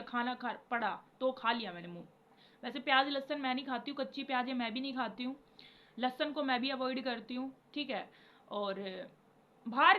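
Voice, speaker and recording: A tired young woman talking casually and rambling to her viewers about devotion, mixing English words into her Hindi and chanting repeated syllables now and then. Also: on the high side. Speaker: spiritual vlogger. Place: home. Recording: dull lo-fi recording with faint background noise.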